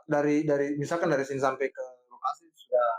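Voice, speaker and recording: A man's voice: medium pitch, flat delivery, quick pace. A man with a Palu Indonesian accent, hosting an interview podcast and asking short questions in reply to his guest. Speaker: podcast host. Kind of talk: conversational interview.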